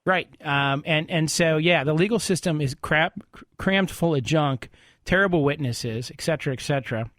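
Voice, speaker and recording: A man's voice: fairly high pitch, moderate pace, fairly bright tone, no room sound, studio quality. A man hosting a call-in radio show, casually explaining legal points to a caller. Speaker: radio show host, lawyer. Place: radio studio.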